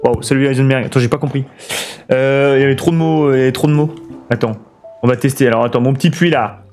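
A man's voice: medium pitch, fairly even intonation, quick pace, a little mellow, soft background music. A man streaming a building game, thinking aloud and chatting with his viewers in a casual way. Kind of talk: casual let's play commentary.

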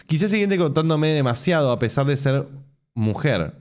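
Reading a forum post on his live stream, a lively Argentine guy mocks it with sarcastic, jokey asides and frequent laughter. His voice sits on the high side at a normal speed, with an Argentine Spanish accent, and he's in a home room with bookshelves.

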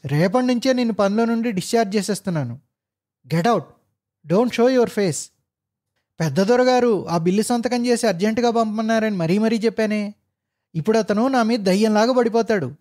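Man doing angry bossy engineer, barking, scornful, high-pitched, hot-tempered. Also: moderate pace, darkish tone, natural voice. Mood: furious. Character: arrogant middle-aged male engineer boss, hot-tempered.

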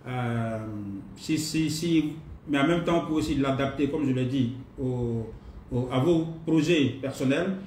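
A man leading a live online training class, greeting participants and speaking at an unhurried pace with pauses and fillers. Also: mid-range voice, darkish tone. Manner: unhurried, repeats himself, many pauses and fillers. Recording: roomy distant mic, faint noise.

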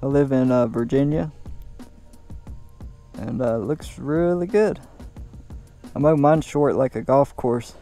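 This motovlogger, seated at an indoor dining table, walks through a how-to vlog in an easygoing, homespun, straightforward manner. He speaks at a measured pace with frequent pauses in a mellow, medium-pitched voice, picked up by a helmet mic next to the camera, with faint music in the background.

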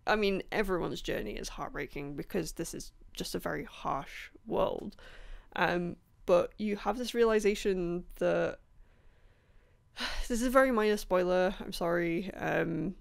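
A woman chatting casually about books she has read, rambling with many ums, apologizing and laughing softly, her voice a bit rough. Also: fairly low pitch, a little slow. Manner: apologetic, laughs between points. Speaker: book vlogger. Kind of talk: casual book review chat.

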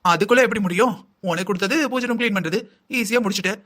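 A man's voice: sits high, fast talker, sharp tone. A man voicing a lazy, scheming young wife in a cartoon, whining and complaining in long sing-song lists. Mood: sly. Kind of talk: cartoon voice acting.

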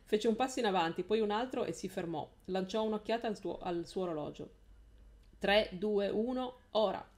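Woman reading a book out loud on a stream, laid back, keeps fixing her slips. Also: medium pitch, fast. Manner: casual reading with frequent self-corrections and laughs. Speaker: live stream host reading aloud. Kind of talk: reading a novel aloud on a live stream.

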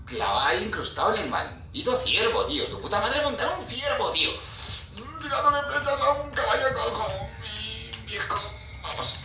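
Man, accent from Spain, horror game let's play, high lively voice, nervous swearing, roomy echo, distant noisy mic. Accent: Spain Spanish. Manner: jumpy, swearing, nervous chatter with sudden yelps. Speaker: gaming youtuber.

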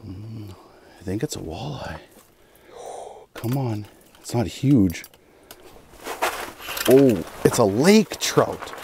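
A man in his thirties giving excited running commentary while ice fishing inside a small shelter. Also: on the low side, slight background noise. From Canada. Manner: excited running play-by-play, chuckling. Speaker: fishing vlogger. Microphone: camera clipped to his cap and a fixed camera.

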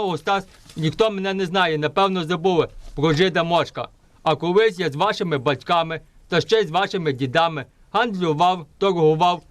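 A man's voice: sits high, no room sound, lightly acted. A man performing a crafty old male village trader in a comic folk puppet play, chatty and rambling.

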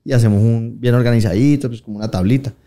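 Being interviewed, a thirty-something singer with a Paisa Colombian accent keeps things relaxed and slangy, imitating the voices of those he quotes. He speaks fast in a mid-range voice.

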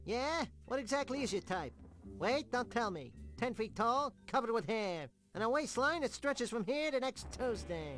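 Casting: a little male toon sidekick, high lively voice, snappy sarcasm, game music behind. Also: normal speed. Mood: mock tough. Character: small wisecracking male cartoon sidekick creature. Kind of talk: cartoon adventure game acting.

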